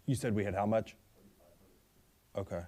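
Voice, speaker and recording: Male council member with a deep voice, halting and restarting as he speaks in a meeting. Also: fairly even intonation, warm tone. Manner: halting, restarts mid-thought.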